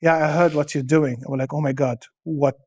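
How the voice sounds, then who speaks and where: A man's voice: a little high, fairly even intonation, fast, darkish tone. A man in his thirties from Syria, a comedian chatting as a guest and telling stories about himself with many false starts. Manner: chatty, self-deprecating storyteller with false starts. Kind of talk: casual chat.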